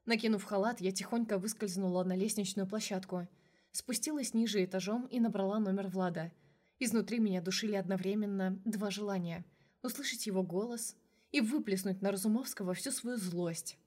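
A woman reads a first-person novel aloud for an audiobook in a brisk, mid-range voice. Her expressive, emotional delivery draws the listener into the narrator's inner life.

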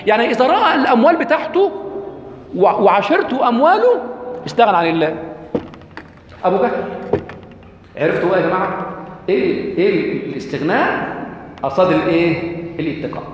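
Animated Egyptian man lecturing in echoey hall. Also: high-pitched, slight background noise. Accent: Egyptian Arabic. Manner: animated, asks the audience questions and answers them himself; recites verses slowly. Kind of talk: informal religious lecture. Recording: echoey hall, heavy reverb.

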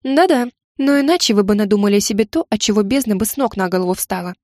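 A woman reading an audiobook gives voice to a proud young witch, sarcastic and quick to snap back. Her tone sits close to the narrator's own, recorded dry and close. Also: mid-range voice, animated, darkish tone, dry recording, close to an everyday voice. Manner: sarcastic, snapping. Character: young witch heroine, sharp-tongued, proud.

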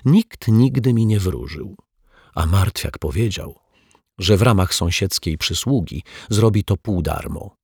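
A man's voice: sits low, lively intonation, a little mellow, slightly rough, no room sound, studio quality, pitched above the performer's own voice, heavily acted. A man voicing a prim, touchy middle-aged female teacher who talks defensively and earnestly in an audiobook. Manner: defensive, earnest, dramatic pauses. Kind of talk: audiobook character voice.

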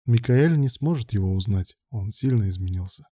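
A man narrating an audiobook in a steady, measured reading style. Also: on the low side, no room sound, studio quality.

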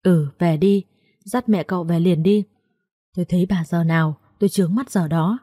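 Woman doing an old father, husky voice, gentle and tearful, mellow tone, audio storybook. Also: lowish voice, moderate pace, no room sound, studio quality, natural voice. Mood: curt. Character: poor, gentle old father, loving and humble.

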